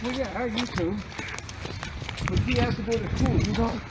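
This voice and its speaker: A man with a high-pitched voice speaks casually, in a protective and practical manner that leans toward nagging. Very loud rain and street noise surround him outdoors. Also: moderate pace. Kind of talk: casual chat. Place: outdoors in a rainstorm.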